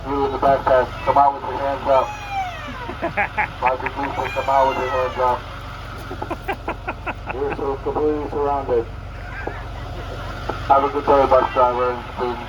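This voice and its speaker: A man calling out joking mock-police commands through a car loudspeaker or megaphone on a street. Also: mid-range voice, level tone, a little slow, pauses often, highs cut off. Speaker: vlogger. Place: outdoors beside a street. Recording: loud outdoor noise, voice from off-mic.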